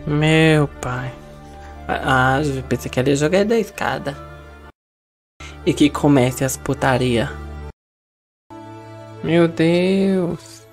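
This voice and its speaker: A man's voice: medium pitch, slow pace, long pauses. A man hosting a casual reaction video, talking in a dramatic, exclamatory and gossipy way. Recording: faint show music behind.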